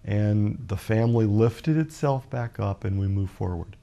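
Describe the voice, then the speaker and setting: A man in his fifties from Alabama, a guest author telling a personal story in a measured, reflective way with many pauses. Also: on the low side, creaky, warm tone, dull audio. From Birmingham, Alabama, USA. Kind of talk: personal storytelling in a talk show interview.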